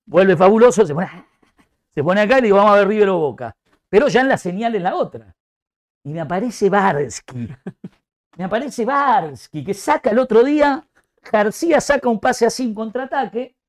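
A man with an Argentine Rioplatense accent ranting comically as an excitable, exaggerated football fan. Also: high voice. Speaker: comic talk show host. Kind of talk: comic rant.

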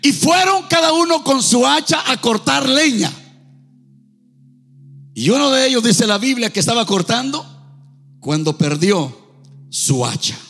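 Fervent high-pitched man preaching. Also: animated, unhurried, pauses often, big-room sound, faint music behind. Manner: fervent, half-sung delivery with shouted peaks. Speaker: pastor. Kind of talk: preaching a sermon. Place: church sanctuary.

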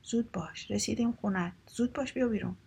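A woman's voice: mid-range voice, vocal fry, darkish tone, husky. A woman voicing a huge bellowing hungry whale. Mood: shouting. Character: huge hungry male whale, loud and demanding.

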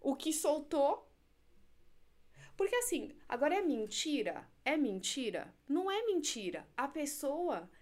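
Woman, hypnotherapist podcast guest, slightly high-pitched, animated storyteller. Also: measured pace. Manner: animated, acts out scenes and quotes. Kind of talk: casual podcast conversation.

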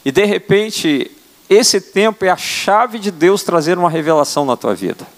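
An older man from Brazil preaching a sermon as apostle, earnest, often adding quick tag questions. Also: high-pitched, expressive. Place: church sanctuary. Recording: church hall reverb.

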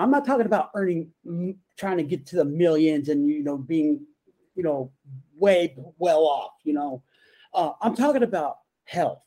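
A man's voice: on the high side, warm tone. A man in his fifties co-hosting a podcast, talking in an emphatic, chatty way. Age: 50s. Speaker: podcast co-host. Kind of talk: casual podcast conversation.

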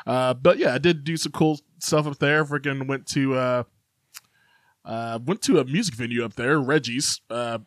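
A man's voice: mid-range voice, normal speed, no echo, studio quality. A young man from Chicago co-hosting a podcast in casual chat, rambling with lots of fillers and easy laughs. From Chicago, United States. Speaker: podcast co-host.

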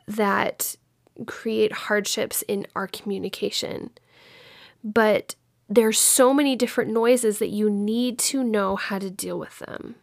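A woman's voice: mid-range voice, vocal fry, no room sound, studio quality. A woman in her thirties from Texas gives an informal talk on communication, explaining with personal stories. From Dallas-Fort Worth area, Texas. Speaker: speaker on communication.

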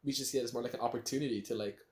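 A man's voice: mid-range voice, fairly even intonation, very fast. A young man in his late teens co-hosting a casual podcast chat, rambling with lots of fillers and restarts. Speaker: podcast co-host. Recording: roomy echo.

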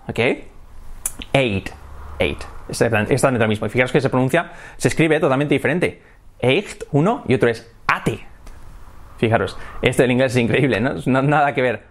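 A man with a Spain Spanish accent teaching English in a bilingual lesson, repeating words slowly and switching between English and Spanish. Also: mid-range voice.

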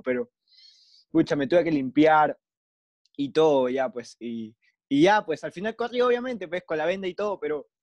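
A man's voice: on the high side, no echo. A young man with a Peruvian Spanish accent telling rambling, slangy anecdotes in a casual chat.

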